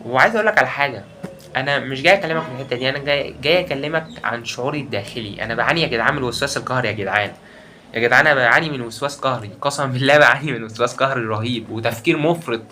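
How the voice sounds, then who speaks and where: A man's voice: medium pitch, very fast, pushed and bright, slight background noise. A young man with an Egyptian Arabic accent, talking straight to his viewers in an emotional, repetitive vlog rant. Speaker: YouTuber. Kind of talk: ranting vlog monologue.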